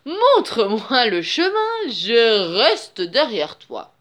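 A big, lumbering monster who is easily impressed, as a woman reading aloud puts him on. He talks slowly and with wonder, and his voice rises and falls a good deal. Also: a little high, sing-song, a bit bright, voice pushed up, heavily acted. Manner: slow, wondering storybook voicing. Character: big clumsy male furry monster. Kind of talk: reading a picture book aloud.

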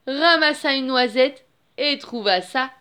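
Woman calmly narrating a storybook. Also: high voice, measured pace, smooth. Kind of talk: reading a picture book aloud.

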